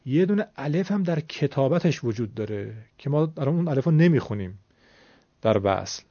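A man's voice: medium pitch, expressive, dark tone, no room sound. A man teaching a recitation lesson, explaining the rules patiently and repeating words so learners can follow. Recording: dull lo-fi sound.

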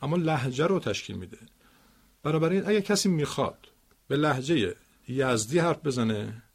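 Using spoken examples, a mid-range voice with a breathy edge explains word stress in Quran recitation. The male teacher speaks in a slow, deliberate way.

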